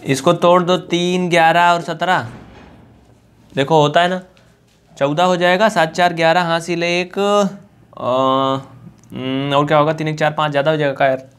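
A man from India teaching an online maths lesson, chatty and coaxing, repeating points slowly and mixing in English textbook terms. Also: a little high, flat delivery, a bit bright, smooth.

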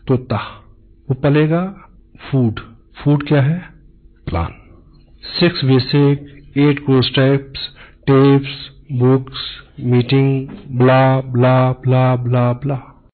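A man giving a motivational business talk in Hindi mixed with English, preaching hard work and telling parables. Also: mid-range voice. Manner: preachy, mixes Hindi and English, tells parables with voiced dialogue. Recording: tinny phone-like sound.

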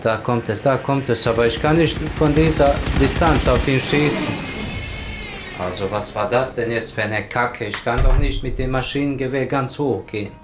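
A man with a medium-pitched voice and moderate pace gives casual let's play commentary, swearing plenty and urging the game on by repeating words. His voice rides above loud game music and gunfire.

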